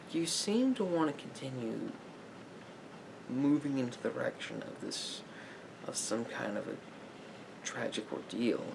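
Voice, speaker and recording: In this improvised, conversational ASMR piece, a gravelly-voiced man takes the role of a gentle, understanding therapist addressing a client. His delivery is slow and pensive, broken up by pauses. Background noise and a low rumble run through the recording.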